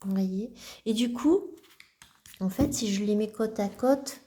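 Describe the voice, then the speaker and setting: A woman vlogger casually showing her card decks, talking gently and haltingly with many restarts. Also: medium pitch. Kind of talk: casual show-and-tell vlog.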